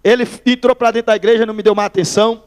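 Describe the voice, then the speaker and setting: High-voiced man preaching his testimony. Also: very fast, long reverb tail. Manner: animated storyteller addressing listeners as brother. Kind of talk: testimony storytelling sermon. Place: church hall.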